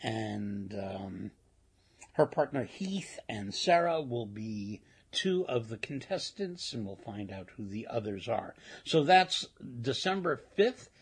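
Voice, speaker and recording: A husky, mid-range male voice hosts a radio show. He gives a casual, chatty introduction that rambles along with playful asides.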